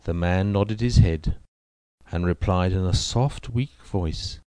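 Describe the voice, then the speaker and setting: A man narrating a short story in a measured, deliberate way. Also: low-pitched, darkish tone, clean tone, no room sound. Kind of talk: scripted narration of a joke story.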